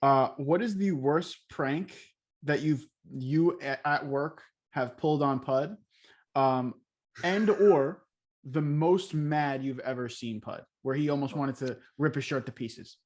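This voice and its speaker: A man's voice: medium pitch, slow, a little mellow. A young man co-hosting a casual podcast, steering the chat with questions and fillers. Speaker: podcast co-host.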